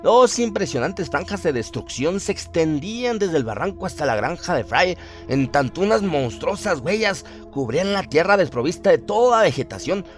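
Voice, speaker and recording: With music in the background, a man delivers dramatic, scripted horror narration for radio, solemn, literary and full of suspense. He has a fairly high voice with big pitch swings, speaks at normal speed, and barely pauses.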